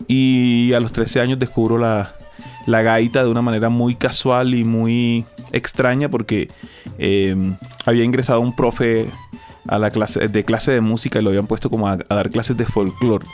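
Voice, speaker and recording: A Colombian man, a musician guest in an interview, telling his story in a relaxed, hesitant way with many fillers and restarts. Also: mid-range voice, normal speed, faint music behind.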